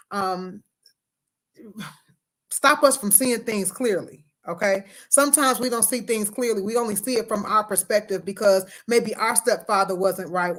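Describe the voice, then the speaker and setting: A woman's voice: mid-range voice, a bit bright. Woman host, speech slightly impeded by a retainer. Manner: emphatic, conversational, repeats key phrases for effect. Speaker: relationship coach and host. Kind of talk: casual livestream talk.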